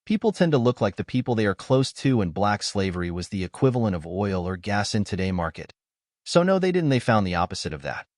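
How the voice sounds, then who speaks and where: A man's voice: lowish voice, sing-song, fast, darkish tone, dry recording, clean studio sound. A man from North Africa narrating an argumentative commentary video, scornful and lecturing.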